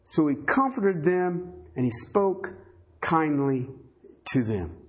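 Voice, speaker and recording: Male preacher, fairly high, very lively delivery; dramatizes scripture with rhetorical questions. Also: slow pace. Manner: animated, acts out biblical voices, asks rhetorical questions. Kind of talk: sermon.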